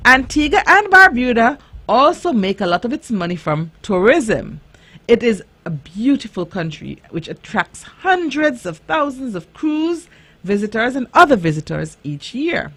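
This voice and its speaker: A woman's voice: fairly high pitch, very animated, unhurried, a bit bright. A woman speaking as a kids' show host, teaching children in simple phrases and checking in with questions.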